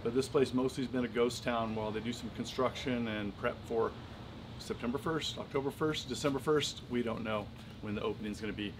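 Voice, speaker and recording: A man's voice: mid-range voice, steady tone, a little fast, noisy background. A middle-aged man giving a casual video tour to camera as a vlogger, recorded outdoors a few steps from the camera. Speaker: vlogger and dive guide. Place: outdoors at a seaside resort. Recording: music behind the voice.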